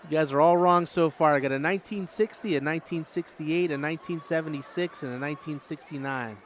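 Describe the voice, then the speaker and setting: A man doing casual, jokey play-by-play for a high school basketball game, chatting with listeners between calls. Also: quick pace. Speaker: play-by-play announcer. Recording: noisy gym broadcast.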